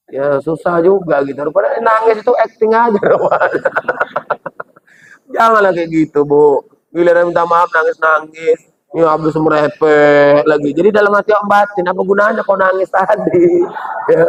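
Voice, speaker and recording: Man, preacher, Medan Indonesian accent, humorous sermon, higher voice, dull lo-fi sound. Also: fairly even intonation, a little slow. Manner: jokey, playful, acts out quoted voices. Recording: dull lo-fi recording.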